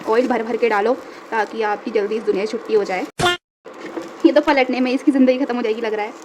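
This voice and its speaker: A woman's voice: steady tone, fast talker, background noise. A young woman from India chatting casually to her viewers while she cooks at home, joking about herself and coaxing her cat. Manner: chatty, self-mocking, talks to her cat in a high coaxing voice. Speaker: vlogger. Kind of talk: casual home vlog chat. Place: home kitchen.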